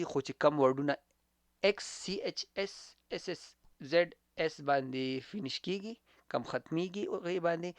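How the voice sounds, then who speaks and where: A man gives a casual English grammar lesson. He speaks very slowly, with a gravelly, creaky voice, and repeats words over and over. The recording is dry and close, with no room sound. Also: on the high side, no echo. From Khyber Pakhtunkhwa, Pakistan. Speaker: English teacher.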